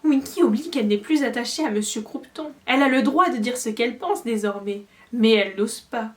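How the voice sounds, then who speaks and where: A woman voicing a timid, eager male house-elf with a high, earnest, anxious voice. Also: expressive, brisk, natural voice. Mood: confiding.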